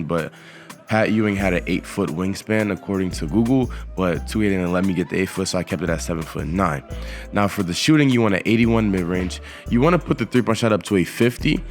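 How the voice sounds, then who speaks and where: Groggy, laid-back young man. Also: sits low. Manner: laid-back, slangy, repeats "you know". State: groggy morning voice. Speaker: gaming YouTuber. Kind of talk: casual game build walkthrough.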